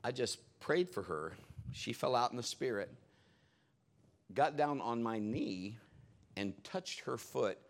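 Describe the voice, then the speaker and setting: A man's voice: mid-range voice, slow, gravelly, long pauses. A man as a pastor, preaching in a church service and telling stories in a conversational way. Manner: conversational, animated retelling with acted-out quotes. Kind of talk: sermon storytelling.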